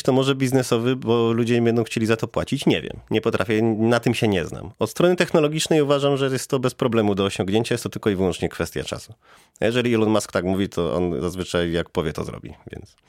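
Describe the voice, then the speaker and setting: A man as a podcast guest answering questions thoughtfully, pausing often with fillers. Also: medium pitch, darkish tone, dry recording, clean studio sound. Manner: thoughtful, hesitant with many fillers. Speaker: guest, head of DevOps.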